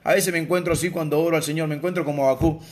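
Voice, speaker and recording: Animated Venezuelan pastor preaching, fairly high voice. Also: male voice, very fast. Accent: Venezuelan Spanish. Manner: animated preaching with rhetorical "¿verdad?" asides; swings from soft low asides to raised emphatic lines. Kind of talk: sermon.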